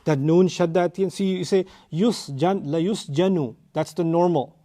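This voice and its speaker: A man giving a tafsir lecture, explaining Arabic grammar with animated rises in emphasis, on a lapel mic. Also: high voice, normal speed. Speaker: Quran teacher.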